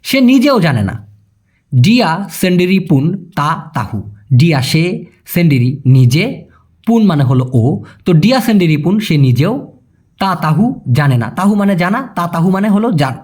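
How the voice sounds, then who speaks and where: A man's voice: high-pitched, darkish tone. A young Bangladeshi man giving a casual video lesson, chatty, calling viewers brother and checking that they follow. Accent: Bangladeshi Bengali. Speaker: language teacher.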